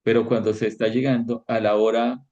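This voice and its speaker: A man teaching a devotional Bible lesson as pastor, slow and questioning, often checking in with his listeners. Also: lowish voice, level tone, dark tone, highs cut off.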